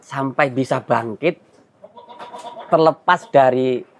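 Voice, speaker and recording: A man's voice: medium pitch, slow pace. A man interviewing a farmer, asking probing questions and giving short encouraging replies.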